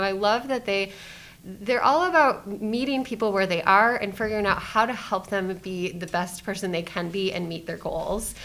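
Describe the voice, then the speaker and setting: A woman working as a program manager, answering interview questions with warm enthusiasm. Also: medium pitch.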